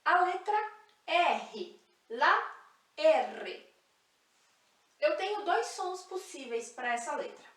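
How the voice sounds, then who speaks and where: A woman teaching a language lesson, speaking slowly and clearly, repeating example words and spelling out sounds. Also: high-pitched, very animated, fairly bright tone, echoey room, distant mic. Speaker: Spanish teacher.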